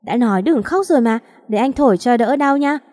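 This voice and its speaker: A woman voicing a kind, protective little boy who speaks gently and reassuringly. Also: fairly high pitch, a little fast, lightly acted. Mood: gentle. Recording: long reverb.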